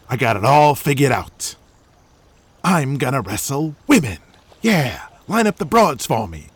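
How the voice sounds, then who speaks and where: A man's voice: mid-range voice, slightly rough, dry recording, pitched above the performer's own voice. A man voicing a brash, boastful washed-up male movie star with a swaggering wiseguy manner.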